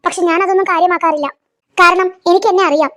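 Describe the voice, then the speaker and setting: A woman voicing a calm, sincere young daughter-in-law who speaks earnestly. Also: extremely high pitch, quick pace.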